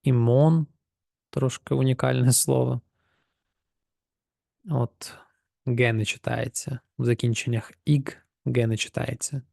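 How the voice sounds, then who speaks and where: Slow, gravelly-voiced male language teacher. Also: medium pitch, flat delivery, a little mellow, no echo, studio quality. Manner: slow, repeats words to model pronunciation. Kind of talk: pronunciation lesson.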